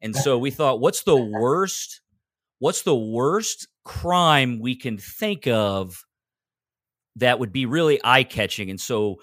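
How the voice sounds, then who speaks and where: An American man from Texas, a podcaster and audio drama maker, chats casually as a guest in an interview, rambling a little and joking at his own expense. His medium-pitched voice is expressive, slow and a bit bright, recorded cleanly in a studio with no echo.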